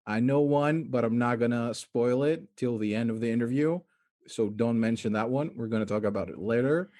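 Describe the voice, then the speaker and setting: A man's voice: medium pitch, moderate pace, warm tone. A man hosting a casual video-call interview, rambling and self-deprecating. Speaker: interview host.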